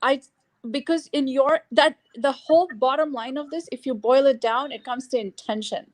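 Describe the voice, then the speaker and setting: A woman's voice: high-pitched, drawn-out words. A woman from India with a mixed Indian and American English accent, a guest explaining her views thoughtfully while mixing Hindi and English. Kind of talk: casual discussion, Hindi-English mix.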